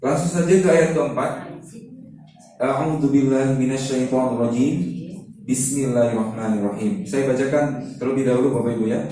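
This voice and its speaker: A man with a voice hoarse from a cough, teaching an Islamic study session in an informal, interactive way as preacher and Quran recitation teacher. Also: medium pitch, steady tone, moderate pace, warm tone. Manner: informal, interactive, often checking with listeners. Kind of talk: Islamic study lecture to a congregation. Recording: echoey hall, distant microphone.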